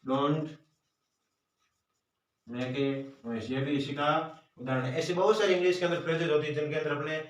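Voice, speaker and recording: Hindi-accented guy teaching grammar, a bit high voice, roomy echo, sounds far from the mic. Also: racing. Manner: repeats questions and answers them himself. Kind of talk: classroom lesson.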